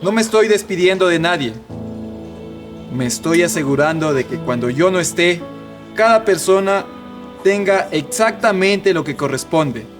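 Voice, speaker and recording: A notary reads out a will in a formal, measured voice, played by a man. His voice sits a little high. Soft music runs under the reading. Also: expressive. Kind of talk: telenovela-style film acting.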